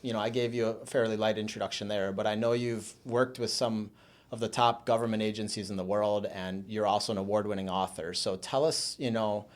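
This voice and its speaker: A man's voice: on the low side, steady tone, a little fast. A man hosting a podcast, reading a guest introduction and chatting in a friendly, upbeat way. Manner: upbeat, friendly interviewer who reads guest bios. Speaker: podcast host. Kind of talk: casual interview conversation.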